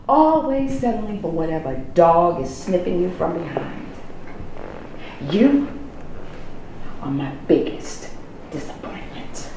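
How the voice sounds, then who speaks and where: A woman playing a domineering church mother, echoing loudly. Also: mid-range voice, recorded from a distance. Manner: scolding, domineering, shouting. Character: controlling overbearing church first-lady mother. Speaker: pastor's wife and mother. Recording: very echoey room, faint hiss.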